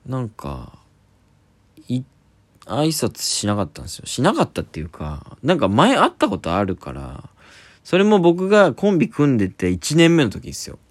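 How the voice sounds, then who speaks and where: A man's voice: medium pitch, wildly swooping pitch, normal speed, no echo. A young man, a comedian hosting a solo talk podcast, chatting casually and rambling with many fillers.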